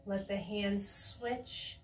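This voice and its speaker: A middle-aged woman guides tai chi movements in a serene, encouraging way. She speaks very slowly, cue by cue. She is heard from a little distance in a room, with soft music faintly behind her. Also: mid-range voice, fairly even intonation. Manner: serene, encouraging, unhurried cueing. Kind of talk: guided movement lesson with calm step-by-step cues. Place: small carpeted room indoors.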